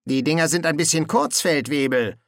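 In an audiobook, a man performs a scruffy, timid army corporal with a whiny, grumbling voice, pitching it above his natural one. The delivery is a little high, expressive and at normal speed, recorded in studio quality with no room sound.

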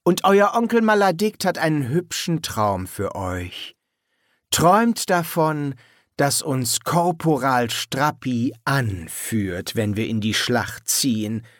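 A man voicing a cool, sardonic young soldier with a low, dry delivery. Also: expressive, takes it slowly, no echo.

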